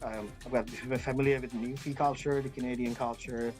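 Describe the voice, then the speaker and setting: A man's voice: mid-range voice, fairly even intonation, normal speed, darkish tone, soft background music. A man from Iran, a guest talking earnestly and hesitantly in an interview. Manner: earnest, hesitant, many fillers and restarts. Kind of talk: interview conversation.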